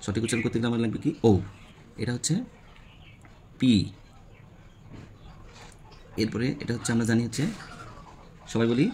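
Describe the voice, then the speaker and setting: A man's voice: medium pitch, flat delivery, quick pace, a little mellow, slight background noise. A man with a Bangladeshi Bengali accent, teaching a spoken English lesson and checking in with his class. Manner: repeats questions to the class, frequent "হ্যাঁ?" checks.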